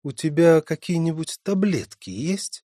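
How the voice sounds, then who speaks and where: A man's voice: a little high, big pitch swings, dark tone, no room sound, studio quality, voice pushed up. A man voicing an impish hippie girl. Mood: teasing. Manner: teasing, quick and flippant. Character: impish young woman, carefree hippie girl.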